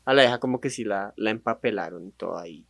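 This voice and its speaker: A man's voice: lowish voice, quick pace, gravelly, fairly bright tone, no echo. A man with a Colombian accent, co-hosting a podcast. He chats casually in street slang and laughs along with the others. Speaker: podcast co-host. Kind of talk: casual chat.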